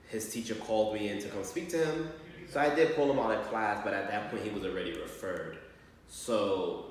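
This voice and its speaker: In a training role-play, a school staff member calls a parent, explaining things in a measured, low male voice. The mic sits far away in a large, very echoey hall, with faint noise in the background.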